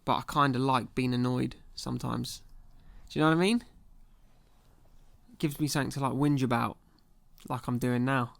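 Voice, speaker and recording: A man's voice: mid-range voice, steady tone, normal speed, gravelly, pauses often, a bit bright. A young man ranting casually and sarcastically as a podcast host, full of slang and exasperation. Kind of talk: casual comedic rant.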